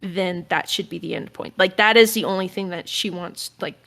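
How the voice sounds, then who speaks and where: A woman's voice: fairly low pitch, moderate pace, vocal fry, fairly bright tone. A woman playing a tabletop role-playing game, chatting casually and rambling with lots of fillers. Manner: rambling, with many fillers and restarts.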